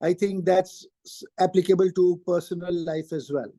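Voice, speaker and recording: A man's voice: sits high, steady tone, normal speed, warm tone, no echo. A man, answering interview questions emphatically and repeating his key phrases. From Pakistan. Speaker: interview guest, trainer and career coach.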